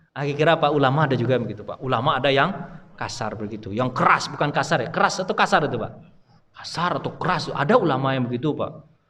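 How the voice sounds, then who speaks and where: A man gives a loud, direct study lecture to a mosque congregation, pausing often to address the men as "Pak". His speaking voice sits somewhat high. The sound rings with the long reverb of a large mosque hall. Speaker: Islamic preacher and teacher.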